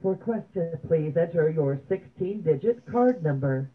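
A woman's recorded voice reading automated phone menu prompts in an even, measured way. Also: fairly low pitch. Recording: tinny phone line.

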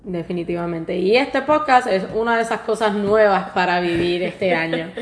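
A woman's voice: fairly low pitch, normal speed. A woman in her twenties with a Puerto Rican accent, co-hosting a podcast in casual chat, laughing often and slipping English words into her talk. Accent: Puerto Rican Spanish. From Puerto Rico. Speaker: podcast co-host. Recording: roomy echo.

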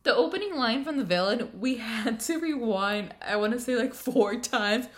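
A woman's voice: a little high, expressive, moderate pace. A woman chatting casually as a co-host on a film discussion show. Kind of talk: casual chat.

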